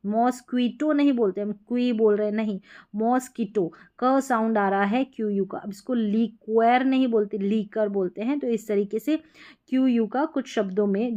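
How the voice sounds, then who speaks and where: A woman with a Hindi accent teaching English pronunciation in a patient explanatory lesson, repeating each example word slowly. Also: a little high, mellow, muffled recording.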